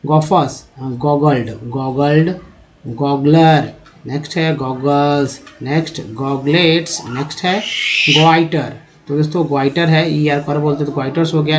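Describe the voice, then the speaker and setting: Male teacher, fairly high voice, very slow deliberate delivery, spells out word parts before reading them. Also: a little mellow, low-quality recording. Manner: sounds out spelling chunks, repeats words slowly.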